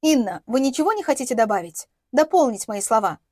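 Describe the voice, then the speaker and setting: A woman voicing a self-assured middle-aged woman investigator who speaks in a smooth, measured way, in an audiobook. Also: fairly high pitch, sing-song, darkish tone, no echo, studio quality.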